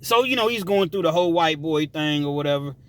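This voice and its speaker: A man telling a story from prison life in a casual, emphatic way, with shouted sound effects. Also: fairly high pitch, expressive, quick pace.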